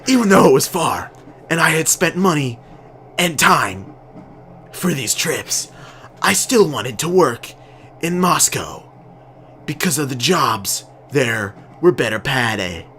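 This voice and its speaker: A man's voice: medium pitch, expressive, slow pace, long pauses, fairly bright tone, slight background noise. A man reading a visual novel aloud as a comedic gameplay commentary, stumbling over words and swearing, his voice strained. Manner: stumbling, mock-dramatic reading broken by laughter and swearing. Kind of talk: comedic let's-play reading.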